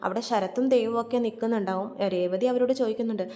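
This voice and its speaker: A woman's voice: on the high side, steady tone, mellow. A woman chattily retelling a TV serial episode as a storyteller. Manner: rapid, chatty plot retelling.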